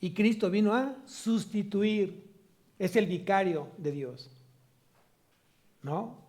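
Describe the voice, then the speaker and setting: A man's voice: sits high, expressive, slow pace, darkish tone. A man with a Mexican Spanish accent preaching a sermon as pastor, asking the congregation rhetorical questions and rising to emphatic peaks.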